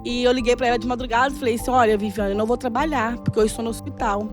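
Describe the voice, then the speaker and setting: A middle-aged woman telling a personal testimony in a casual, animated way and acting out the dialogue. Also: fairly high pitch, rapid-fire, music in the background. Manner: animated, laughing often, acts out dialogue. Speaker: church guest sharing a testimony.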